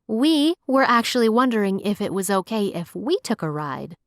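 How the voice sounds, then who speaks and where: A woman's voice: mid-range voice, very animated, moderate pace, dry recording, clean studio sound. A woman reading an audiobook voices a playful, persistent young woman who coaxes and wheedles. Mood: coaxing. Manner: wheedling, bright and coaxing. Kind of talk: audiobook character voice.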